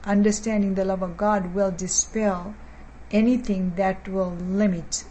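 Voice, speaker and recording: A woman preacher teaching a sermon in a measured way, repeating key phrases for emphasis. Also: mid-range voice, steady tone, mellow, slight background noise, poor audio.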